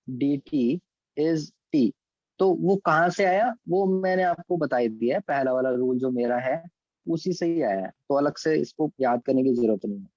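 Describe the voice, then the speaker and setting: A man's voice: a little high, darkish tone, dry recording, lo-fi sound. A man with an Indian accent teaching calculus step by step in an online class. He mixes English terms into his Hindi explanations and checks in with students by name. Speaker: physics and maths teacher.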